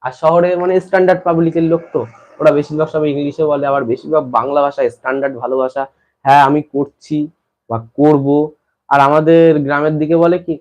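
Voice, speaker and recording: Guy from west bengal doing an exam prep class, a bit high-pitched, keeps restarting and repeating himself. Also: steady tone, fast, a little mellow, lo-fi sound. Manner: repeats phrases and restarts while explaining. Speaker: teacher. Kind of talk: exam-prep lesson to students.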